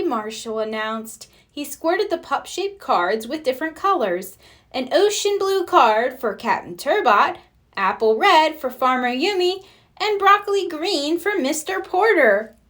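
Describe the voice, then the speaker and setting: A woman with a high-pitched voice reads a children's storybook aloud, narrating in an expressive read-aloud style.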